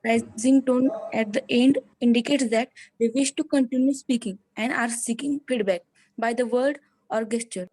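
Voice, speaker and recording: A woman's voice: a little high, moderate pace, a little mellow, rough recording. A female student reading a passage aloud in class.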